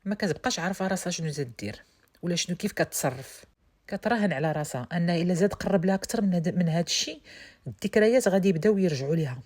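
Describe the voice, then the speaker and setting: A woman with a Moroccan accent narrating a romance story in an intimate, quick manner, with small restarts. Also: lowish voice, a little mellow, slightly rough.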